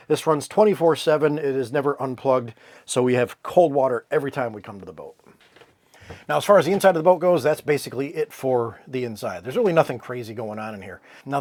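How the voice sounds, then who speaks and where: A man's voice: medium pitch, a little mellow, no room sound. A man giving a casual, rambling walkthrough of his sailboat's cabin, with fillers and self-corrections. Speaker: sailboat owner giving a tour.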